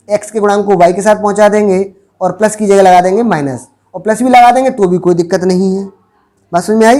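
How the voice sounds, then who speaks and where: Teacher quizzing the class. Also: male voice, high-pitched, darkish tone. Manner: asks the class rhetorical questions and answers them. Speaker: maths teacher. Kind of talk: board lesson explaining step by step.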